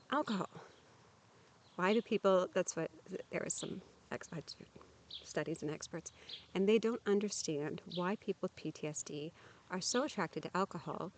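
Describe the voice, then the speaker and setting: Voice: medium pitch, a little hiss or hum. A vlogger talking candidly to camera outdoors at a campsite, sharing lived experience in a frank, earnest, plainspoken way with frequent restarts. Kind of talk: candid personal talk to camera.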